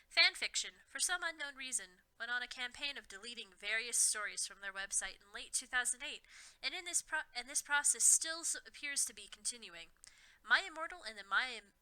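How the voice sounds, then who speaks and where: A young woman reading a story aloud for comedy, in a hammy manner that bursts into shouting. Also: a little high, rough recording. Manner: hammy, shouting the quoted lines. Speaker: comedy reader.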